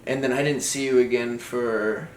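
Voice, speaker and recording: A young man tells a story in a loose, rambling way, leaning on filler words. His pitch sits in the middle range. The recording has a noticeable room echo. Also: moderate pace. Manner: relaxed, rambling, lots of "like". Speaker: vlogger, BMX rider. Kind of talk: casual storytelling chat. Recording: echoey room.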